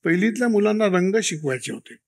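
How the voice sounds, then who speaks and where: A man telling lively anecdotes in an interview, acting out quotes from parents and children and laughing often. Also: high voice, quick pace. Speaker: children's author and interview guest. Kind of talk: storytelling interview talk.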